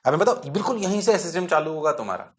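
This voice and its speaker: A man races through an online exam-prep physics lecture, lively and jokey, poking fun at himself. He keeps checking that the class is following and sometimes answers his own questions in a low, student-like voice.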